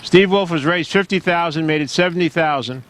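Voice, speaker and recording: A man's voice: fairly high pitch, fairly quick, fairly bright tone, slight background noise. A man calling a poker tournament in a wry, joking commentary style.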